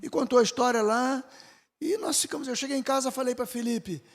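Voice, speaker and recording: Brazilian male preacher, middle-aged, high voice, tells stories dramatically, drops to hushed tones then rises loud, acts out quotes. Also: a little fast, big-room sound. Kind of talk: sermon storytelling.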